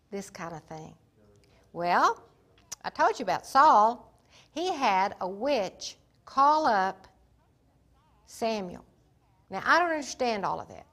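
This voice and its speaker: A woman teaching the Bible in sermon style, retelling its stories emphatically and dramatically, sometimes dropping to a hushed voice. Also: mid-range voice. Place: Africa.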